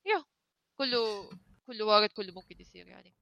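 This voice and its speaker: A young-sounding woman on a podcast, talking fast and eagerly with a bright, sharp tone. She hesitates with fillers and drops English words in between. The sound is close and dry. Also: medium pitch, no room sound, dull audio. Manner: excitable, hesitant, apologetic, mixes in English. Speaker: podcast co-host. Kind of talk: casual chat about anime.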